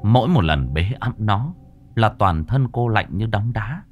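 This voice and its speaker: Man telling a ghost story, lively low voice. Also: measured pace, lo-fi sound. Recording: faint music behind the voice.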